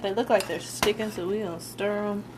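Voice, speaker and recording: This is a woman in her twenties presenting a live cooking demo in her home kitchen, with a mid-range voice, fairly even intonation, and a fairly quick pace. She talks straight to her viewers in a relaxed, chatty way and laughs easily. Frying-pan sizzle and utensil clatter are audible throughout.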